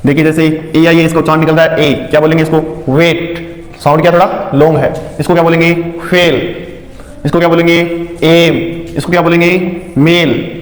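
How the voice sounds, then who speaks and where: A man teaching English vowel sounds in a phonics lesson, asking questions and answering them himself, spelling words out slowly letter by letter. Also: a little high, level tone. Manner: asks and answers his own questions. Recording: echoey room with long reverb.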